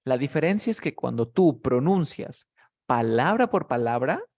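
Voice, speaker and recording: A man's voice: medium pitch, big pitch swings, normal speed, darkish tone. A man teaching English to one student, patient and methodical. He breaks each rule down step by step and keeps checking that his student follows. He is heard over a video call. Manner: patient, explains step by step with many checks like "¿cierto?".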